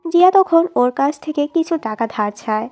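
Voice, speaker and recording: High-voiced woman narrating a drama recap. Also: moderate pace. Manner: steady storytelling read, quoting each line of dialogue. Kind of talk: scripted narration of a drama plot.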